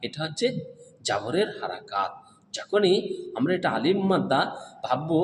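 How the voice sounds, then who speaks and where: In a step-by-step recitation lesson, a man with a slightly high voice teaches how to read Quran letters, posing questions he answers himself and stretching the syllables in a singing manner. The room is echoey with long reverb, and there is a little hiss or hum.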